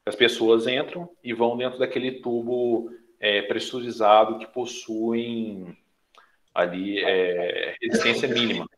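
A young man with a Brazilian accent lectures students over a video call. He explains steadily and often checks in with quick tag questions. His pitch sits in a middle range. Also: fairly even intonation, a bit bright, roomy sound. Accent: Brazilian Portuguese. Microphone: earbuds on video call.

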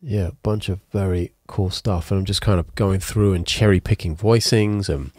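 A stuffy, congested man in his thirties hosts a podcast from his home music studio, talking casually on his own while he plays piano in the background. His voice is low, steady and darkish at normal speed with no echo, and he rambles frankly, correcting himself as he goes. He uses a boom-arm studio mic and wears headphones.

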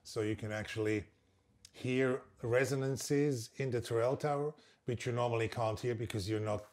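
His voice is darkish and medium in pitch, with fairly even intonation and a normal speed. He is a Basel composer and percussionist in his sixties, a native German speaker with a Swiss German accent, thoughtfully describing his work in short phrases. The reflective interview takes place indoors at a large wooden table below a glazed roof.

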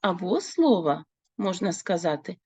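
A woman teaching a French lesson, speaking slowly and clearly and repeating words for her learners. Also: on the low side, sing-song, mellow, no echo. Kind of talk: online language lesson.

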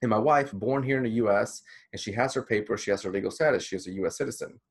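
Speaking fast in a lowish voice with a breathy edge, a Dominican counselor in his thirties teaches a course via a casual, encouraging recorded lecture with many fillers. The setting is a small indoor room.

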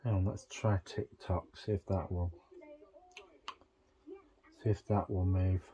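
A man vlogging a casual tech walkthrough, thinking aloud in a halting, rambling way. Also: sits low, little pitch movement, mellow, muffled recording.

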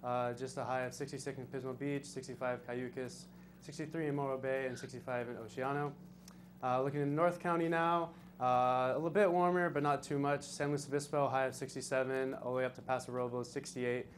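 A male weather reporter runs through temperatures in a relaxed, casual manner, dropping in filler uhs as he goes. A faint hum sits behind his voice. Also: mid-range voice, fairly quick. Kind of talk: weather forecast.

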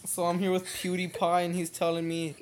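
A man casually commentating his own gameplay, excitable and quick to swear as he reacts aloud. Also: high-pitched. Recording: noisy home recording.

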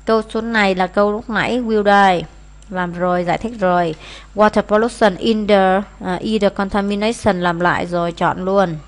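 A woman's voice: medium pitch, fairly even intonation, moderate pace. Woman walking through exam answers. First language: Vietnamese. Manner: explains in Vietnamese, reads English phrases aloud; hesitant, frequent fillers. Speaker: English teacher.

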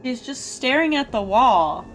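A woman's voice: high-pitched, expressive, measured pace, rough recording. A woman streaming a video game, chatting casually and reacting aloud to viewers while getting over a cold. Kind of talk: live game stream chat, reading dialogue aloud. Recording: game music behind the voice. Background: game music.

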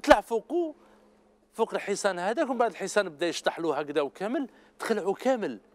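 A man with an Algerian accent, hosting a children's TV show and telling a story to the children in an expressive, animated way. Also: high-pitched, fast, no room sound. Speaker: children's TV host. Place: TV studio with children.

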